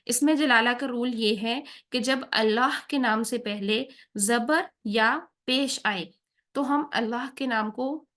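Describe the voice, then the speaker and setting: A woman teaching tajweed, who explains each rule patiently, checks in with her learners often and slows down to recite the examples. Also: fairly high pitch, fairly bright tone. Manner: patient, checks in with "theek hai?" after each point.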